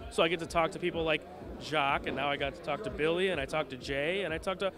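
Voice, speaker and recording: Male wrestling-show interviewer, high-pitched, casual and conversational, with crowd and street noise behind. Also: quick pace. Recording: outdoor urban crowd and traffic noise.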